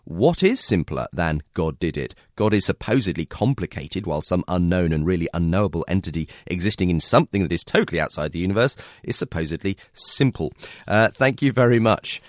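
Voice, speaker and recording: A British man hosting a radio show, his voice slightly croaky and hoarse from a cold as he presents listener feedback. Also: low-pitched, lively intonation, a little fast, no echo, studio quality.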